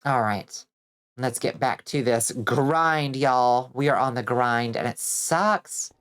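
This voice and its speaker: A woman's voice: very deep voice, slow. A woman chatting casually with her chat as she plays a game, sounding nasal and stuffy from congestion, rambling and swearing now and then. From Georgia, US. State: stuffy nose. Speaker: vtuber streamer. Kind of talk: casual chat while gaming, reading chat.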